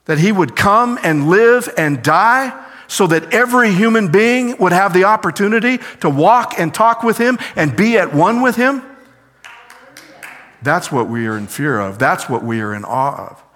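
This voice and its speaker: A male preacher delivers a sermon, his voice bright and forceful and pitched a little high. He poses questions and answers them himself, and the sound rings with the long reverb of a large church hall.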